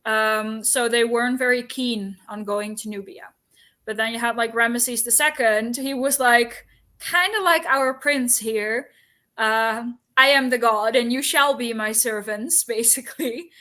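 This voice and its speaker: Her voice is fairly high, bright and forceful, and she speaks a little slowly. As a book discussion co-host, she chats casually about books and history, explaining things in an informal, talkative way and adding asides.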